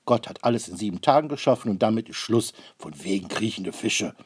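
A man doing a gruff, loud old ark builder. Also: on the low side, moderate pace. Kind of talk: storybook read-aloud.

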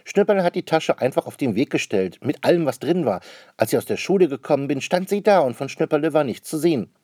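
A man's voice: on the high side, lively intonation, fast talker, dark tone, no echo, studio quality, voice pushed up. A man doing a bossy scolding schoolgirl. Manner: scolding, indignant.

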